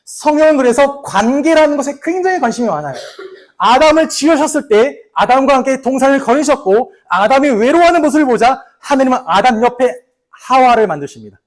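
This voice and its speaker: A man, a pastor, preaching a sermon with earnest rhetorical questions, dropping to a soft, quiet voice for the quoted words. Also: extremely high pitch, lively intonation, fairly quick.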